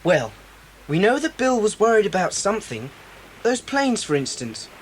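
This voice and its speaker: Woman playing a bold, animated child adventurer. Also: medium pitch, normal speed, a little hiss or hum, lightly acted, rough recording. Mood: grave, resolute. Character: bold, practical child adventurer, grimly level-headed. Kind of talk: children's audio drama acting.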